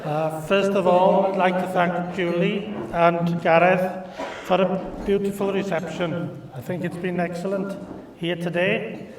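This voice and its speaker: A man's voice: high-pitched, flat delivery, measured pace, few pauses, a crowd in the background. A middle-aged North Welsh man giving a hesitant, homely wedding speech into a microphone in a large, echoing reception room. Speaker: father of the groom. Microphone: handheld mic, picked up from afar. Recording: echoey reception room, distant camera microphone. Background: wedding guests.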